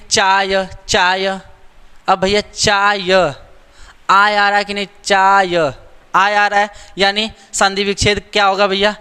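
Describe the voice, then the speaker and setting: Bright, high-voiced male teacher, echoing hall. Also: clean tone. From India. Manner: repeats rules and checks understanding with rhetorical questions. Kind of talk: classroom lesson explaining grammar rules.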